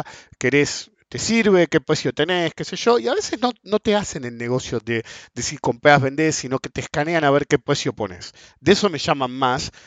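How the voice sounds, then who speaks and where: A man's voice: mid-range voice, no echo. A middle-aged man with a Rioplatense Spanish accent explains bond trading in casual, colloquial talk and acts out quoted dialogue. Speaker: bond trader sharing experience. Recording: dull dry close recording.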